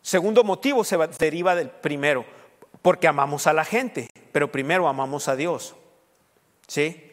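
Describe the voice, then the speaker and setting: A middle-aged male pastor preaching a sermon in a church hall, his voice high and its echo trailing long after each phrase. He speaks emphatically, pushing up in pitch and volume as he counts off his points. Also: normal speed. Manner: emphatic, rising to loud peaks when listing points.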